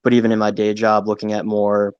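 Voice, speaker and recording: In a live online audio room, a man participating from the audience speaks off the cuff, hedging often and leaning heavily on "I mean" in a conversational way. His lowish, darkish voice is completely flat and brisk, and the sound is clean and echo-free but lo-fi.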